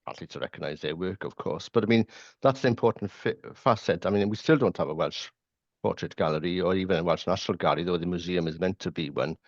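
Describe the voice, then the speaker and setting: A man's voice: sits low, fast talker, no echo, highs cut off. A man interviewing a guest, thinking aloud and repeating words as he shapes his questions. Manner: thoughtful, repeats words while forming questions. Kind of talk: conversational interview.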